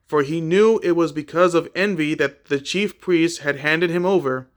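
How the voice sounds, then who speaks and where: Man reading scripture aloud, slightly high. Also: fairly bright tone. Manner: plain, unhurried reading with small slips and repeats. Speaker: scripture reader.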